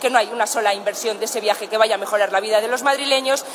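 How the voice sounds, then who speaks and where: Woman politician going off, kinda high voice, noisy room behind. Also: fast talker. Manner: indignant, insistent. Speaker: opposition spokesperson. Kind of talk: political statement.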